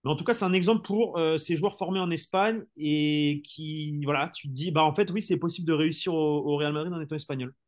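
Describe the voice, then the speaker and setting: A man's voice: a little high, fairly even intonation, a little fast, few pauses. A man, a sports journalist, arguing his points in a casual football debate with rhetorical flourishes and frequent conversational fillers. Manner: argumentative, rhetorical, fills speech with "tu vois".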